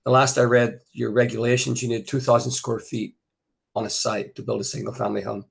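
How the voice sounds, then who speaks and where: A man with a gravelly voice speaks at a mid pitch over a choppy internet call whose audio keeps breaking up. He talks earnestly and pauses often as he presents remotely to a town board. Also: level tone. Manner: earnest, with frequent hesitations. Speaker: housing nonprofit representative.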